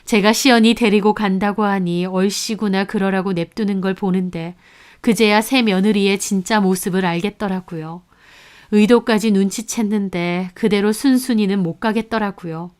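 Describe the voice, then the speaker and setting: A woman narrating a first-person family story in a calm, confessional storytelling manner. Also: medium pitch, normal speed, clear, resonant tone.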